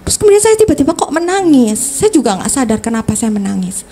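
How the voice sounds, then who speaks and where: A woman's voice: high-pitched, very animated, fast, mellow, husky. A woman giving an earnest personal testimony in church, acting out past conversations as she tells her story.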